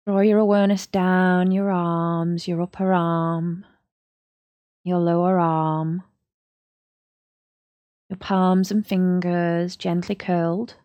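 A woman, a yoga teacher leading a slow, soothing guided body-scan relaxation. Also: fairly low pitch, flat delivery, dry recording, dull audio.

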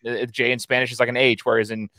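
Quick-talking guy hosting a podcast, excited and rambly, casual chat, really dry close sound. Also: medium pitch, no echo. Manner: enthusiastic, rambling. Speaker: podcast host.

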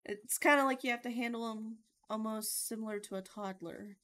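A woman's voice: fairly high pitch, normal speed, a bit bright. A woman interviewing a streamer, asking plain questions and agreeing along. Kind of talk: casual interview.

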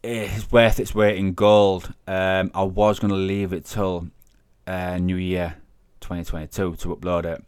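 A man's voice: deep voice, flat delivery, unhurried, few pauses, darkish tone, smooth, no room sound, clean studio sound. A man hosting a casual paranormal podcast, chatty and rambling, often correcting himself mid-sentence. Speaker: podcast host, paranormal investigator.

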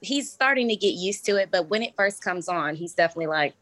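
A woman in her thirties, a cabaret singer, chatting as an interview guest in a bubbly, animated way with frequent laughs. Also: fairly low pitch, fast talker, no echo. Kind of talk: casual interview chat.

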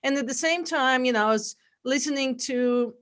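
A woman's voice: sits high, normal speed, fairly bright tone. A middle-aged woman from Bulgaria with a mixed Bulgarian accent, chatting as a podcast guest and telling her story with frequent fillers. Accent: Bulgarian, mixed with Australian and American. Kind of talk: casual interview chat.

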